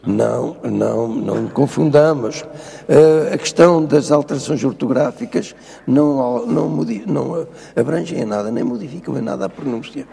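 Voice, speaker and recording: Gravelly older professor, didactic. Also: male voice, mid-range voice, normal speed, dark tone, in a large hall. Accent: European Portuguese. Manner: didactic, lecturing, insistent. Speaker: linguistics professor, guest. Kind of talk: TV studio interview.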